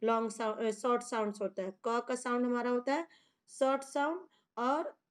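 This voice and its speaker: A young woman teacher giving a phonics lesson to students. She reads English lines slowly word by word, asks questions and answers them herself. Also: a little high, steady tone. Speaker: school teacher. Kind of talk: online English phonics lesson explained in Hindi.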